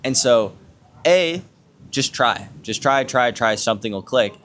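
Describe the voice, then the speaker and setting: A man's voice: medium pitch, lively intonation, measured pace, a bit bright, slight background noise. Man coaxing listeners in casual podcast talk. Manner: rhetorical questions, tags points with "right?". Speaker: podcast co-host. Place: outdoors on a villa balcony.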